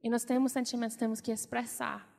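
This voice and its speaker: Woman preacher, earnest and encouraging, slightly high voice, reverberant hall. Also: flat delivery, fairly quick, gravelly, a little mellow. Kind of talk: conversational sermon.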